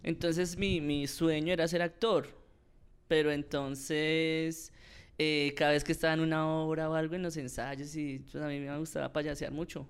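A man's voice: on the high side, flat delivery, moderate pace, clean tone. A young adult man with a Colombian accent, a comedian guest telling stories in easygoing slang-filled chat. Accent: Colombian Spanish. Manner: easygoing storytelling, sprinkled with slang. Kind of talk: casual interview chat.

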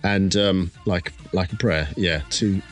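A man's voice: low-pitched, fairly even intonation, slow, soft background music. A man with an Essex accent, talking candidly and reflectively in a casual interview, with a self-deprecating, conversational way about him. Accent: Essex English. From Essex, England. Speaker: interview guest, musician.

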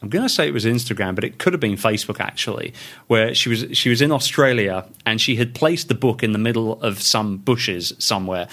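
A man's voice: on the low side, brisk, a bit bright. A man hosting a podcast from his home office, chatting casually and animatedly with a guest, restarting his sentences often. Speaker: podcast host. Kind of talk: casual interview chat. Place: home office full of books.

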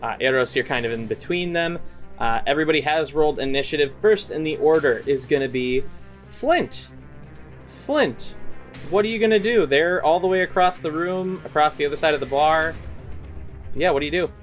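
A man's voice: fairly high pitch, fairly quick, soft background music. A man narrating as game master, loose and full of fillers.

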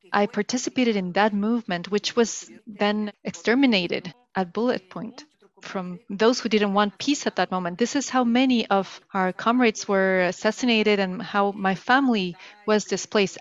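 A woman's voice: medium pitch, normal speed, muffled recording. Woman as a live interpreter. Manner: steady interpreting in the first person, with small restarts. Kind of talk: live simultaneous interpretation of a guest.

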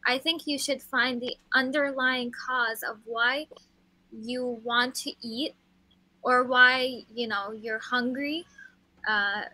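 A woman's voice: on the high side, fairly even intonation, slow pace, sharp tone, dry recording, low-quality recording. A young woman from Kuwait talking openly and earnestly in a casual podcast chat. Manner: open, earnest, filler-laden. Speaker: podcast guest.

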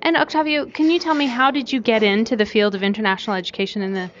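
A woman interviewer hosting a podcast at a busy conference. She asks open, encouraging questions and keeps affirming the guest with soft "mm-hmm"s. The sound is a little muffled. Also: a little high, fairly even intonation, quick pace. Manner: encouraging, frequent backchannel affirmations. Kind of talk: conversational interview.

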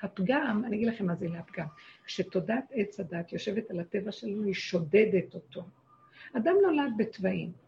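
Woman religious teacher, gravelly, emphatic short phrases, muffled lo-fi sound. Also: mid-range voice, darkish tone, slight background noise. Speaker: spiritual teacher. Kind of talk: religious lesson to a group.

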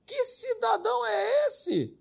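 A man voicing an incredulous churchgoer who gossips about the preacher in a high, squeaky exclaiming voice. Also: very animated, slow, vocal fry, exaggerated voice.

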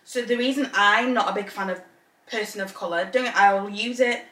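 This woman from Zambia is a podcast co-host in a casual conversation, thinking aloud, restarting, and laughing readily. Her medium-pitched voice is steady and fairly bright, at a normal speed. The room is echoey, and she's a little off-mic and distant from it.

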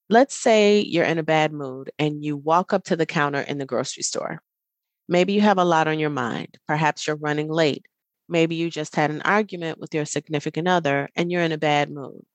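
Podcast host, woman, low register, dry close mic; earnest, encouraging self-help monologue. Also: no echo. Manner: earnest, encouraging, addresses the listener directly; smiling as she speaks.

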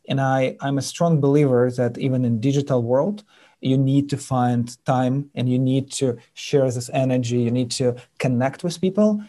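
A man from Ukraine with a Ukrainian accent, a sales executive speaking as an interview guest, halting with many fillers and restarts. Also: mid-range voice, steady tone, dark tone. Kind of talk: interview conversation.

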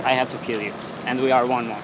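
An Albanian man with an Albanian accent answering interview questions in halting English, in short phrases. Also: mid-range voice, flat delivery. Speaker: local interviewee. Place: outdoors on a busy city street. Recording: live on noisy busy street. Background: street traffic noise.

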